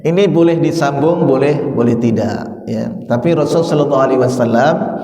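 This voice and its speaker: A man's voice: medium pitch, normal speed, dark tone. A middle-aged man teaching Quran recitation at a mosque study session. He jokes with the congregation and chants verses to demonstrate. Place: mosque hall. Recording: echoey mosque hall with long reverb.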